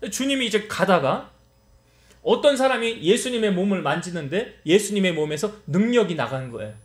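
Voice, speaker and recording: Echoey, high-voiced Korean preacher man. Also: animated, normal speed. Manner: storytelling preacher acting out quoted lines. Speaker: pastor. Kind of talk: sermon. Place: church sanctuary. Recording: echoey church hall.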